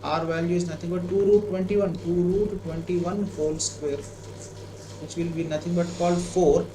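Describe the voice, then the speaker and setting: A man's voice: high voice, steady tone, moderate pace. A man with an Indian accent teaching a live online maths lesson, working a problem aloud, repeating himself and asking checking questions. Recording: echoey room with clear background noise.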